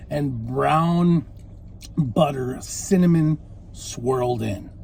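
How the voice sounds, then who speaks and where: A man's voice: mid-range voice, extremely slow, gravelly, darkish tone, slight background noise. A man hosting a casual food review, chatting while he eats. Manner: chatty, talks with mouth full.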